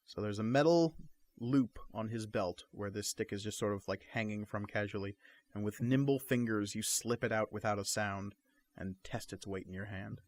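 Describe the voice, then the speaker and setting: Male game master, low voice, measured scene-setting narration.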